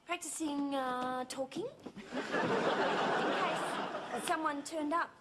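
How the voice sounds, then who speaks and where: A woman's voice: sits high, slow pace, over a noisy crowd. An actress playing a scatterbrained, kind office woman in a sitcom, flustered and evasive. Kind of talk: sitcom acting. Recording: sitcom audio with laugh track and hiss.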